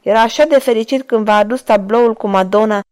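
Woman reader doing a young abducted woman in an audiobook, high and emotional, pleading. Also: a little mellow, smooth, natural voice.

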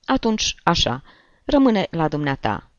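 A man's voice: fairly high pitch, sing-song, fairly bright tone, no echo, dull audio, pitched above the performer's own voice. A man voicing a courteous, formal middle-aged uncle in an audiobook reading. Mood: businesslike.

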